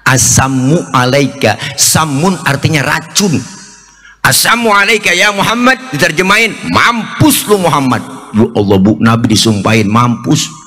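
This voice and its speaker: A man's voice: on the high side, very animated, normal speed, sharp tone, slightly rough, soft background music. A man delivering a comic sermon to a congregation, teasing the audience and acting out the voices of the people in his stories. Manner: jokey, teasing, acts out quoted voices. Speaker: preacher. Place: mosque gathering.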